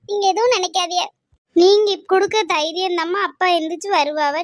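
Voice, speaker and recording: A woman's voice: extremely high pitch, fairly bright tone, dry recording, studio quality. A woman voicing a caring young woman who coaxes and reassures. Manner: coaxing and reassuring.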